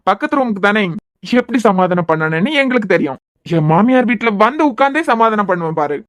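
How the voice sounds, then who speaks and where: A woman's voice: mid-range voice, animated, quick pace, close to an everyday voice. A woman voicing a teasing young husband in a cartoon web series, with a Kanyakumari Tamil accent and a playful, bantering manner.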